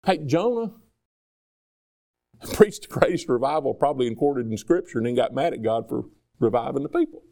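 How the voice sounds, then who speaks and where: A man preaching a sermon in a conversational, animated way, asking the congregation rhetorical questions. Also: medium pitch, normal speed, creaky, pauses often.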